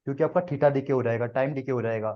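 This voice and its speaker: A man's voice: mid-range voice, very fast, muffled recording. A man teaching a live trading class to students, explaining step by step and often checking that they follow.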